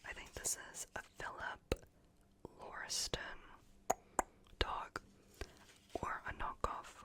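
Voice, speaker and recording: A person whispering casual, meandering ASMR rambles as the creator of the video.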